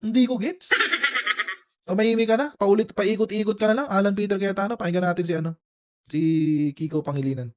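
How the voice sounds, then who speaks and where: A man's voice: high-pitched, quick pace, darkish tone. A man commenting on a political clip, sarcastic and taunting, laughing at the speaker he mocks. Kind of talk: mocking commentary over clips.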